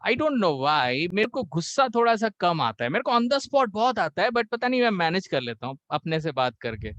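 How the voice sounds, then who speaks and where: An Indian man coaching a spoken English class, mixing Hindi and English, acting out quoted voices and slowing down on key English lines. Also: sits high, very animated, fairly bright tone, no echo, dull audio.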